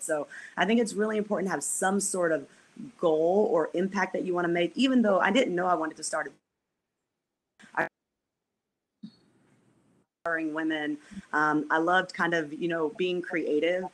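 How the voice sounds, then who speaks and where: A woman's voice: on the low side, normal speed, pauses often, low-quality recording. A woman on a panel who gives career advice earnestly. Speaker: panel guest. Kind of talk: casual panel talk.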